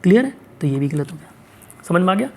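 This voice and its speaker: A male teacher going through exam questions, reading the English sentences out slowly and checking in often to ask whether it is clear. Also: high voice, sing-song, a little mellow. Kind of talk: exam-prep lesson.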